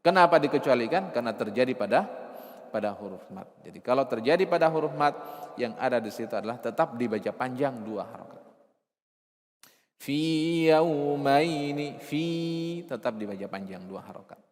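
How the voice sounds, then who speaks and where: A man teaching recitation rules, explaining with rhetorical questions and repeating key terms, sometimes slowly chanting verses. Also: medium pitch, lively intonation, in a large hall. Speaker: Arabic and Quran recitation teacher.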